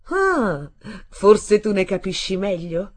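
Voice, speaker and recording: A woman voicing a sardonic, scornful young man who drawls slowly and mockingly in a reading of a novel. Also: medium pitch, big pitch swings, pitched above the performer's own voice. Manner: slow, mocking, bored drawl.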